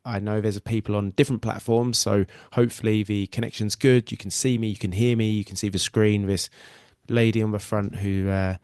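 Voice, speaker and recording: Congested with a cold, an Englishman who coaches weight loss and hosts a podcast leads a live webinar, earnestly reassuring listeners and repeating himself frequently. He speaks briskly in a fairly low, darkish voice with little pitch movement, captured cleanly at studio quality with no room sound.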